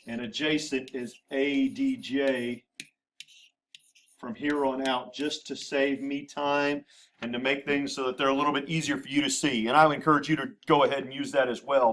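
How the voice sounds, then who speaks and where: This time the math teacher's voice is mid-range with a fairly bright tone, and there's slight background noise. Standing at the whiteboard, he patiently repeats terms and spells out abbreviations during his lecture.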